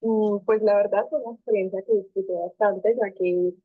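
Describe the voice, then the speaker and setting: A woman's voice: mid-range voice, steady tone, moderate pace, no echo. Young woman student, mid-range voice, tinny video call line, thoughtful and hesitant. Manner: thoughtful, hesitant with many fillers. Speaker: student interviewee. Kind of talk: interview answers. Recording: tinny phone-like call audio.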